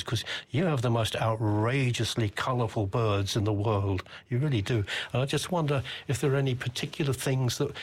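A man's voice: mid-range voice, slightly rough. An older man interviewing a guest, asking long, reflective questions full of restarts. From United Kingdom. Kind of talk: conversational interview.

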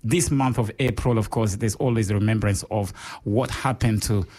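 A man from Rwanda co-hosting a casual radio chat show, talking in an animated way with many fillers. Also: on the low side, moderate pace. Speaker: radio co-host.

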